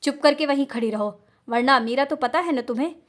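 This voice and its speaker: A woman's voice: high-pitched, fairly quick, close to an everyday voice. A woman voicing a cruel, mocking husband. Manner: taunting, falsely tender, flares into shouting. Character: cruel, mocking young husband who enjoys her pain.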